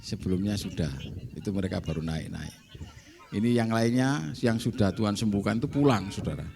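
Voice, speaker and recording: A man's voice: lowish voice, brisk, vocal fry, a little mellow. A male pastor giving a conversational testimony sermon in a church service, often addressing the congregation directly.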